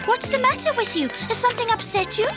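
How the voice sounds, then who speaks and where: A woman's voice: very high-pitched, fast talker, over loud music. A woman voicing a polite, earnest young girl in a cartoon dub. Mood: curious.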